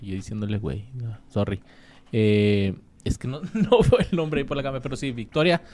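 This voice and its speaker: A man's voice: medium pitch, fairly quick, darkish tone. A Mexican man co-hosting a casual podcast, teasing himself and chatting playfully. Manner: playful, self-mocking. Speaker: podcast co-host. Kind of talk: casual chat.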